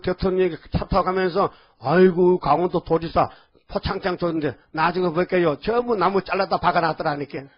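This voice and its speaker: Folksy preacher with a high voice. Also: male voice. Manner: folksy, rambling, calls out to the congregation. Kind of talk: sermon. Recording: dull lo-fi audio.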